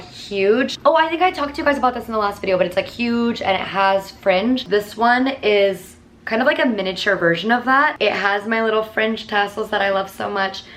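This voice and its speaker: A woman's voice: medium pitch, fairly bright tone, slight background noise. A woman chatting casually to her viewers in a vlog about her monthly favorites, earnest and full of filler words. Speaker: vlogger.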